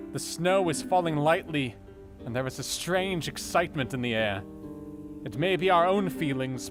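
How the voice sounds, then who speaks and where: An actor playing a grave, uneasy Victorian doctor, reading his diary in a measured, foreboding way. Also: fairly high pitch, close to an everyday voice. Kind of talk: dramatic diary narration in an audio drama. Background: plucked guitar music.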